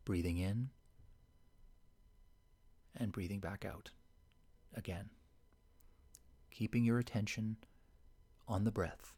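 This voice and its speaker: Male meditation guide, lowish voice, unhurried, hushed delivery. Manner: soft, slow and soothing, sometimes sinking to a whisper.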